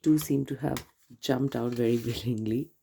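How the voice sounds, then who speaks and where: A woman giving a tarot reading straight to the viewer, gentle and reassuring, her voice nasal from a cold and congestion. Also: rumbling low, moderate pace, creaky, noisy background. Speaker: tarot reader. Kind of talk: casual tarot reading to camera.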